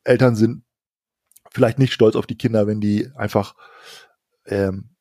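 A middle-aged man in casual chat, agreeable and quick to affirm, who reads out items from a list. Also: fairly low pitch, fairly even intonation, mellow, no room sound, studio quality.

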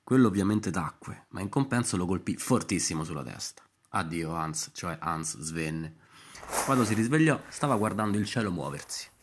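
A man narrating an irreverent storybook serial in a wry, deadpan manner. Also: low voice, normal speed, husky.

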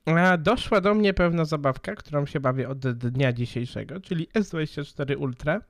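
A man's voice: a little high, normal speed, no room sound, clean studio sound. A man co-hosting a podcast in casual chat, stumbling over words, with a slight lisp from a missing front tooth. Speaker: podcast co-host.

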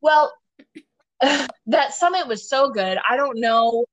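A woman's voice: high voice, slow, fairly bright tone. A woman hosting a podcast, chatting casually, with a talkative manner, frequent laughs and many "you know" fillers. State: ten months postpartum. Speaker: podcast host and doctor.

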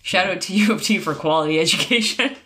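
A woman's voice: fairly low pitch, fast, pushed and bright. A woman co-hosting a casual chat, telling stories with dry, sarcastic humor. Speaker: podcast co-host.

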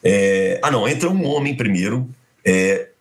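Speaking at a moderate pace in a lowish voice, this middle-aged man from Belo Horizonte is a guest recounting something that happened to him. He gets animated, performing the lines of dialogue as he goes.

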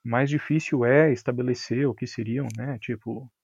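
A man with a Brazilian Portuguese accent, a violin teacher explaining ideas in a casual interview, animated and full of slang and tag questions. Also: mid-range voice, moderate pace, creaky, slightly rough, dull audio.

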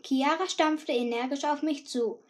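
A woman reading a first-person story aloud with a lively, cheeky teenage tone. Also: high voice, unhurried. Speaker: audiobook narrator. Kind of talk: scripted first-person narration.

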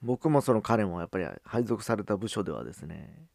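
A man from Fukuoka with a Hakata accent, telling a personal story in a casual monologue, pausing often on filler sounds. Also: lowish voice, expressive, vocal fry, a little mellow, no room sound, studio quality. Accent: Hakata dialect. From Fukuoka, Japan. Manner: halting, with frequent "um" fillers and drawn-out phrase endings.

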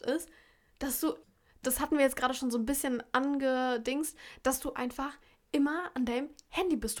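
A young woman with a very high voice talks casually and bluntly. Her tone is impatient and quick to complain, with frequent laughs. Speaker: vlogger. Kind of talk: casual chat.

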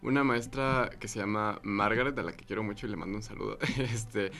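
A man's voice: on the low side, a little fast, creaky, pushed and bright. A man, a teacher guest explaining his ideas in a casual panel chat. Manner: reflective, explaining, frequent "¿no?".

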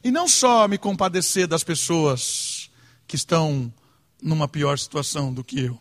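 A man delivers an earnest sermon. He leans on rhetorical questions and moves between soft, searching phrases and pointed emphasis. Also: fairly high pitch, normal speed. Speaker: preacher.

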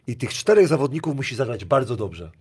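A man's voice: mid-range voice, sing-song, fairly quick, husky. A middle-aged man who coaches youth basketball, chatting casually about a match, rambling with restarts and fillers. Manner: rambling, restarts, laughs often. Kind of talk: casual sports chat.

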